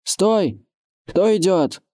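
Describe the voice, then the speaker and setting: A man reading an audiobook, voicing a brash, mocking village archer who shouts loudly. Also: high voice, big pitch swings, measured pace, dry recording, studio quality, voice pushed up.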